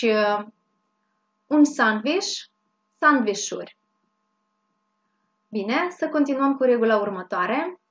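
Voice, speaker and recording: A woman from Romania teaching English grammar, explaining each rule slowly and repeating it with small hesitations. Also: high voice, a bit bright. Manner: slow, explains each rule twice with fillers. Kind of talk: bilingual grammar lesson. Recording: dull lo-fi sound.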